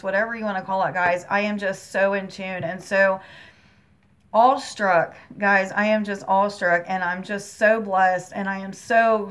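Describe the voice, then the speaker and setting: A woman's voice: mid-range voice, a bit bright. Earnest woman telling a spiritual story. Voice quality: emotional, near tears at times, earnest. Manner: rambling, repeats words, addresses viewers as guys. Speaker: spiritual channel host. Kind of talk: personal spiritual talk to viewers.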